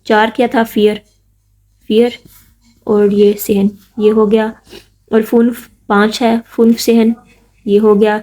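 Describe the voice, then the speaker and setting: A woman's voice: fairly high pitch, flat delivery, long pauses, dark tone. A woman giving a casual spoken lesson, spelling words out letter by letter and asking listeners to repeat after her. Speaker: language teacher.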